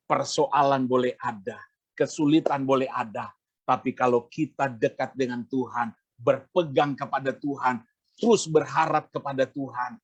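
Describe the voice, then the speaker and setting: A man's voice: medium pitch, slightly rough, dry recording. A male pastor preaching, telling a personal story and addressing the congregation directly, acting out the voices of the people in it. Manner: addresses congregation repeatedly, acts out quoted voices.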